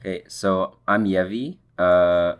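A young Filipino man co-hosts a podcast, his deep, nasal voice moving slowly with a fairly even intonation and a clean tone. He chats casually, rambling, correcting himself and saying "like" a lot.

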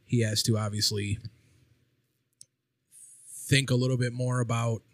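A man's voice: mid-range voice, flat delivery, measured pace, dry recording. A man co-hosting a podcast, chatting casually over drinks and swearing freely. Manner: laid-back, swears freely. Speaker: podcast co-host.

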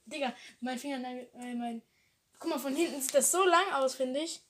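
High-voiced teen girl, crude teasing slang. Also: fairly quick, a bit bright, a little hiss or hum. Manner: crude teasing slang, giggly, drops to whispers. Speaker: vlogger. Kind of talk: casual chat. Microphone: phone on a tripod.

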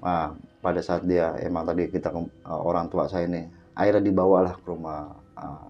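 A man's voice: sits low, level tone, a little fast, gravelly. A man casually tells a dramatic personal story to a host, constantly calling him "Bang". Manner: keeps addressing the host as "Bang", vivid and dramatic. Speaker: guest telling a personal story. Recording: dull lo-fi sound with faint background music.

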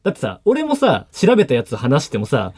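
A man, a rock band member, recounting gigs in fast, excitable radio chat. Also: mid-range voice, breathy edge. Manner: fast, excitable, laughing interjections.

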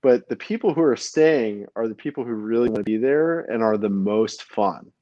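A man's voice: lowish voice, expressive, moderate pace, mellow, dry recording. A man from Brooklyn hosting a podcast in casual chat, rambling with plenty of fillers and restarts. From Brooklyn, New York. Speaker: podcast host. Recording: dull lo-fi dry sound.

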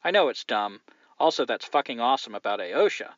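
A man's voice: mid-range voice, lively intonation, brisk, lo-fi sound, slight background noise, close to an everyday voice. A man reading as an earnest male listener. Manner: reading a listener's letter aloud.

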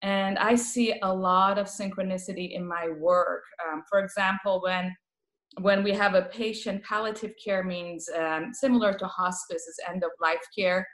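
Her voice is fairly low in pitch but fairly bright, heard in a reverberant space. Originally from Iran and a native Farsi speaker with a Persian accent, she appears as a palliative care guest, sharing stories and laughs in casual interview talk.

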